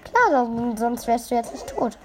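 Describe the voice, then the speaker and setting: A woman's voice: fairly high pitch, very animated, a little slow, music in the background, rough recording. A young woman casually commentating her own gameplay, teasing her teammate and barking orders at her. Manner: teasing, bossy, calls out orders. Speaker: gaming video host.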